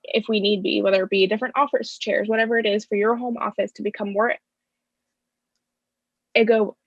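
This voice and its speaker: Woman interpreter doing the voice-over for a deaf panelist; halting and self-correcting; dull lo-fi call sound. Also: mid-range voice, steady tone, slightly rough, no echo. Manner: halting, self-correcting, speaks in first person for the signer. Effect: interpreter's voice-over of a deaf speaker's signing. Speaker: sign language interpreter voicing a deaf panelist. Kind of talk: live interpreted panel remarks.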